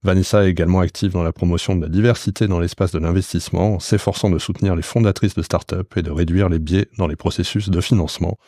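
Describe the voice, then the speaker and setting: A man hosting a podcast interview, talking in a relaxed conversational way with some fillers. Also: sits low, fast talker, few pauses, no room sound, clean studio sound. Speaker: podcast host.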